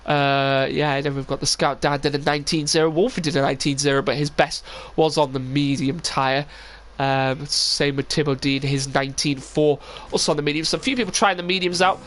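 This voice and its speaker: Speaking fairly quickly with hardly any pauses, this young man has a fairly high, fairly bright voice and fairly even intonation. He's sniffly and full of a cold while casually rambling through live sim racing commentary, using lots of fillers.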